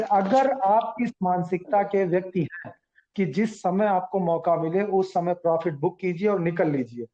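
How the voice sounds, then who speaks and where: A man with a high voice and a dark, mellow tone addresses a meeting, explaining points with earnest, repeated reassurance. The recording sounds dull and lo-fi. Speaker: speaker addressing a community meeting.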